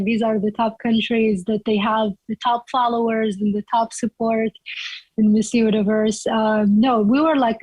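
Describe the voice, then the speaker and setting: A woman's voice: on the high side, a little mellow, breathy edge, dry recording, rough recording. A young woman from Iraq, chatting as an interview guest and telling her story loosely, with lots of "like" and "you know.".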